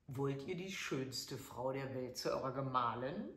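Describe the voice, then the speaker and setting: A woman voicing a poor old woman who is secretly a fairy, high-pitched and pleading, in a roomy recording. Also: animated, unhurried, fairly bright tone, exaggerated voice. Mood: solemn. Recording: echoey room.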